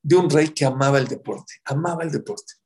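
A man giving a sermon in a Mexican Spanish accent, telling stories in a lively way that swings from loud bursts to hushed asides. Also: a little high, fairly quick.

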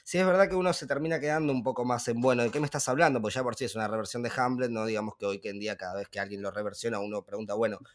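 A man's voice: medium pitch, fairly even intonation, very fast, few pauses. Hesitant Argentine man discussing a film. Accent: Argentine Spanish. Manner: thoughtful, hesitant, many fillers and restarts. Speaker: podcast film reviewer.

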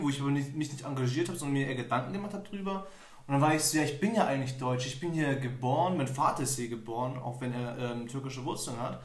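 A young man hosts a casual podcast chat and tells his own stories in a loose, rambling way, with plenty of fillers and restarts. His voice sits in a middle register. The room around him is echoey and carries the sound. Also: medium pitch. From Germany. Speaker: podcast host. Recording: echoey room, somewhat off-mic.

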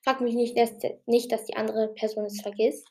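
Woman host, slightly high voice, casual rambling explainer, lots of fillers. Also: steady tone, slight background noise. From outside Germany. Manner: chatty and rambling, with many fillers and restarts; says she talked a bit fast. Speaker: podcast host giving tips.

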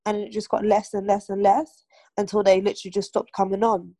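A woman's voice: medium pitch, monotone, fairly quick, mellow, no room sound. Chatty young woman, dry sound. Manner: chatty, many fillers and restarts. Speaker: aunt and mother of a toddler. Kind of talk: casual group discussion.

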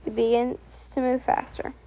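A woman narrating a second-person audio story in a soft, unhurried read, now and then correcting herself. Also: on the high side, level tone, noisy background.

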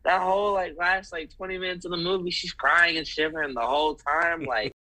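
A man chatting casually as a podcast guest, animated and rambling, full of squeamish exclamations. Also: fairly high pitch, fairly quick, low-quality recording. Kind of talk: casual chat.

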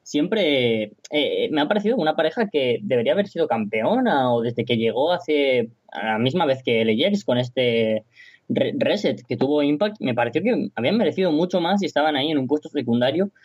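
A man's voice: mid-range voice, animated, brisk, darkish tone, slightly rough, no echo, dull audio. A man speaking as a wrestling commentator, giving conversational, reflective analysis with his own opinions.

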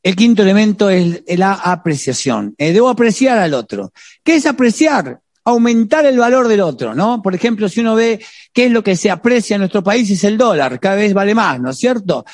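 An Argentine man delivers a sermon in a high, bouncing voice, constantly prodding his listeners with "¿eh?". He mixes jokes with earnest exhortation. The sound is dry and close. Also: darkish tone, husky, no echo. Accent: Argentine Spanish. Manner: exhorting, peppered with rhetorical "¿eh?"; joking, direct address to the audience. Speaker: preacher on marriage.

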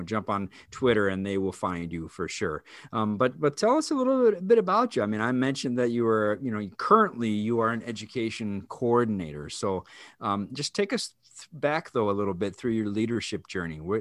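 A man's voice: fairly low pitch, dry recording, clean studio sound. A middle-aged man, a school principal, co-hosting a podcast with an enthusiastic, repetitive way of talking. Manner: enthusiastic, repeats himself. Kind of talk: casual podcast chat.

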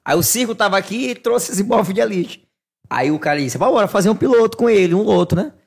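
A man, telling animated, self-mocking stories in casual chat and laughing often. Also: high-pitched, fairly quick, vocal fry, breathy edge. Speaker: podcast guest. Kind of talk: casual storytelling.

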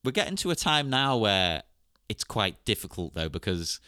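An animated man talks in a casual podcast chat, laughing often. His voice sits low but swings widely, with a bright edge. The recording is close and dry. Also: moderate pace, smooth, dry recording. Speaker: podcast panelist.

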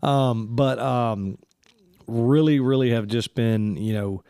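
Warm, clear and resonant, his medium-pitched voice comes through with no room sound as he hosts a church podcast. He's congested, casual and friendly, halting often on fillers.

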